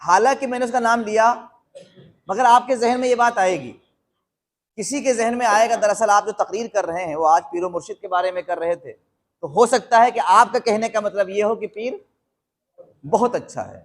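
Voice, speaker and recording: A man preaching to a seated audience, asking them questions and repeating phrases slowly for emphasis. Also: sits high. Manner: slows down to spell out quoted phrases. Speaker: Islamic preacher. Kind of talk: live sermon to a seated audience.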